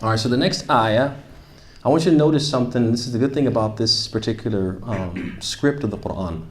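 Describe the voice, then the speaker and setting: A man's voice: mid-range voice, fairly quick, reverberant. A man leading a tajweed class, modelling sounds and quizzing students as he goes. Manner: animated, demonstrates sounds and asks the class questions. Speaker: tajweed teacher.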